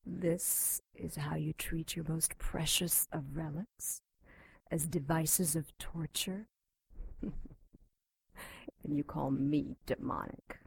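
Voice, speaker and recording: A woman voicing a seductive, taunting female demon held captive, who speaks in breathy whispers with a slow, mocking delivery. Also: deep voice, fairly even intonation, dry recording, exaggerated voice, rough recording. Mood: scornful. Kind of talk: audio drama acting.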